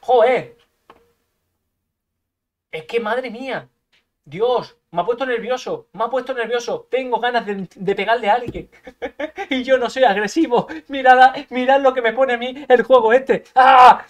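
A man with an extremely high pitch speaks a little slowly, narrating his own card game match as gameplay commentary. Talking to himself, he swears plenty, throws in sound effects and breaks into bouts of frustration.

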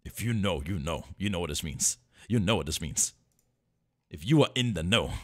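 Speaking at a normal speed in a low voice, this livestream host greets his viewers with casual, joking chatter. He gets excitable and tends to say the same things over and over.

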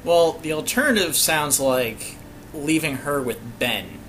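A man's voice: fairly high pitch, lively intonation, unhurried, a bit bright, slight background noise. A man doing casual let's play commentary, joking and laughing easily.

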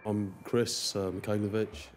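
A man's voice: on the low side, level tone, a little slow, slight background noise. A man giving a casual account of his work as an artist, often restarting his phrases.

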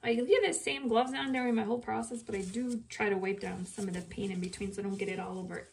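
A woman's voice: medium pitch, fast talker, vocal fry, a little mellow, a little hiss or hum. A woman casually talking through a painting demonstration, chatting and muttering asides to herself as she works. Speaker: art video creator.

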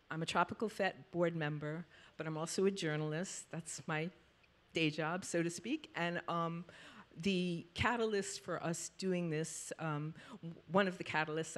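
A woman who is a journalist and board member, opening the evening on stage with measured remarks and pauses, speaking into a handheld mic. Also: low voice. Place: library auditorium stage with audience.

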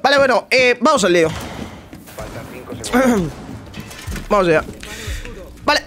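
A young man from Spain with a Spanish accent, commenting on his own game in his bedroom at home, swinging between muttering and excited shouting, and swearing a lot. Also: very high voice, takes it slowly, soft background music. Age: young adult. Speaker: gamer streamer. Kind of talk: live gameplay commentary.

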